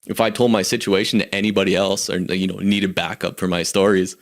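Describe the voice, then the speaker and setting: He speaks a little fast, his low voice showing little pitch movement. A Canadian man in his forties and a guest on a podcast, he tells casual, reflective stories about his life with candor, often starting his sentences again.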